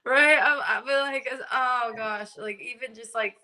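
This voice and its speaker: Bright playful woman guest. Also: on the high side, moderate pace. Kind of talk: casual chat.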